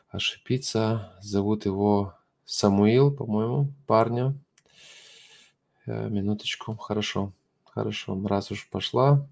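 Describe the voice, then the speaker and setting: A middle-aged man with a low-pitched voice and a creaky, gravelly edge speaks Russian as a non-native. He addresses his online viewers informally and earnestly, halting often to search for the right word. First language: not Russian. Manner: apologetic, earnest. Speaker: host of an online religious ministry broadcast.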